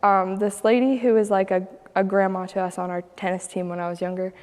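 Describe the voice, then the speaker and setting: A woman's voice: mid-range voice, level tone, fairly quick, a little mellow. Chatty young woman in a reverberant room. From Ohio. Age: young adult. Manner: chatty, laughs often, acts out others' lines. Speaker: guest telling her story. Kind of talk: casual personal storytelling.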